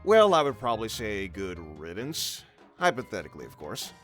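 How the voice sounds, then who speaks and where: A man voicing a calm, quietly knowing pizzeria owner in a fan animation, with an understated manner. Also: lowish voice, normal speed, soft background music.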